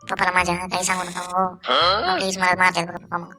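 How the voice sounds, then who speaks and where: A woman's voice: fairly low pitch, completely flat delivery, fast talker, pushed and bright. Woman doing a cheeky little cartoon schoolboy, whiny and pleading, music under it. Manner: pleading, wheedling. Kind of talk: cartoon voice acting. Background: background music.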